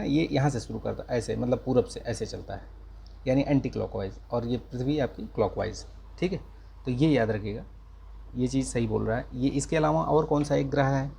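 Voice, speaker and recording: A man gives a relaxed exam-prep lesson at a slow, careful pace, stopping often to check the listener is keeping up. His voice is gravelly and a little husky, with a mellow tone. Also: medium pitch. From India. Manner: slow, careful speech with repeated check-ins. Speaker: exam coaching teacher. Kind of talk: casual exam-prep lecture.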